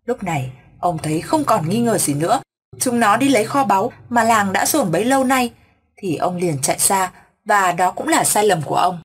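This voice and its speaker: Husky woman telling a ghost story. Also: medium pitch. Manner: steady, measured storytelling.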